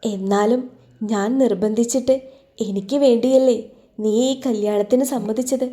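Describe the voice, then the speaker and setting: A woman's voice: fairly high pitch, steady tone, normal speed, dark tone, natural voice. A woman voicing a young pregnant woman in an audio story who speaks in a remorseful, pleading way.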